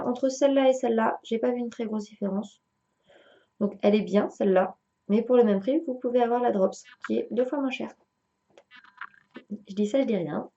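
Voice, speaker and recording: A woman's voice: a little high, dark tone, highs cut off. A young woman chatting casually to camera on her knitting podcast, full of fillers and giggly asides.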